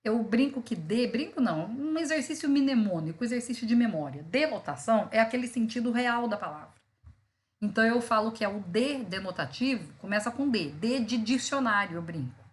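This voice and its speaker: A woman's voice: fairly high pitch, lively intonation, a little fast. A Brazilian woman lecturing, explaining word meanings through examples and checking in with "né" and "tá". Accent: Brazilian Portuguese. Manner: explains with examples, many fillers like "né" and "tá". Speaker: law school teacher. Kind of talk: online lecture on vocabulary.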